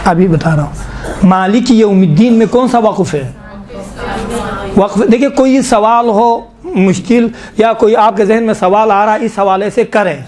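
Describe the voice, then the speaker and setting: A man teaches the rules of Quran recitation in a patient, explanatory lesson. His voice sits high, and he often stops to ask his students questions before demonstrating verses slowly. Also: a little mellow. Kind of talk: online tajweed lesson with recitation examples.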